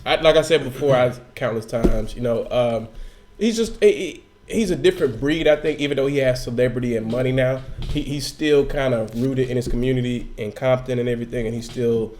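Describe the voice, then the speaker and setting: A man co-hosting a casual chat, speaking haltingly with many restarts. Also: mid-range voice, darkish tone, slight background noise. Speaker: podcast co-host.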